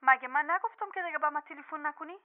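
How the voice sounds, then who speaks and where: A woman's voice: sits high, close to an everyday voice. A woman voicing an angry, betrayed young wife who accuses her husband over the phone. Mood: accusing. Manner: bitter, accusing. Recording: tinny phone line.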